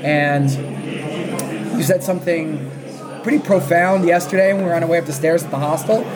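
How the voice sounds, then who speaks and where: A man hosting a casual podcast conversation in a pub, informal and animated, with a hoarse, worn-out voice. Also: fairly high pitch, brisk, a crowd in the background. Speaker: podcast host.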